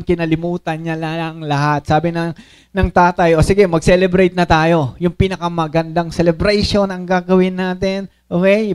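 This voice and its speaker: A man's voice: high voice, clean tone. A man preaching a sermon in a mix of languages, often checking in with his listeners with "okay?" and acting out the speech of the people in the story. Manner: Taglish preaching with frequent "okay?" and "no?" check-ins; animated, acts out quoted speech. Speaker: pastor.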